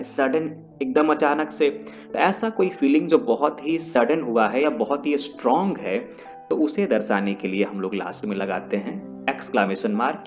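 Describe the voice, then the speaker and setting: A man teaching an English lesson in a classroom style, explaining step by step and repeating key terms. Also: mid-range voice. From India. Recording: dull lo-fi audio with faint music.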